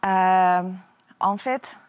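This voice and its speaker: A young woman from Iran, a talk show guest speaking halting French and searching for her words. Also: mid-range voice, smooth.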